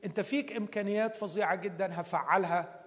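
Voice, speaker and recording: A man's voice: high voice, quick pace, a bit bright, long reverb tail. A man voicing God as tender and coaxing, in his own Egyptian Arabic voice.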